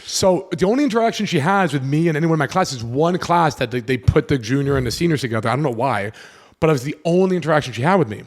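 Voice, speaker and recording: Young male podcast host from South Florida, casual storytelling, animated, foul-mouthed. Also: fairly high pitch, quick pace. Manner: animated, swears freely, acts out his younger self.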